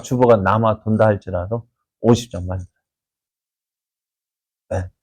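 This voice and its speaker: Low-voiced Korean pastor asking questions. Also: male voice, breathy edge, no echo. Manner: asks the congregation many rhetorical questions; acts out quoted voices with sudden loud bursts. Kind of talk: dawn prayer sermon.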